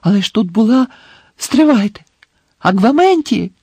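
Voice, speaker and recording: Casual: guy doing a desperate teen wizard yelling, high pitched, breathless, dry mic. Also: big pitch swings, moderate pace, breathy edge, no room sound, exaggerated voice. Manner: shouting, urgent and breathless. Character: frantic teenage boy wizard, desperate.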